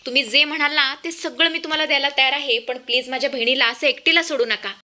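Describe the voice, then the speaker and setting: A woman's voice: high voice, quick pace, pushed and bright. A woman voicing a desperate young man who begs and implores on his sister's behalf. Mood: begging. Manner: begging, imploring.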